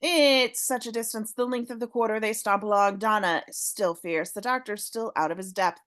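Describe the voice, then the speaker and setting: A woman narrating the action descriptions of a fan audio drama script, reading at a paced rhythm with pauses. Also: medium pitch, a bit bright. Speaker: narrator of stage directions.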